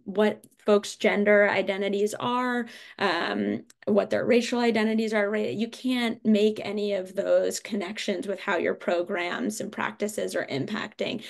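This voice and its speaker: Creaky-voiced woman leading a training. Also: medium pitch. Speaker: presenter leading a training webinar. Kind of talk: informal explanatory lecture.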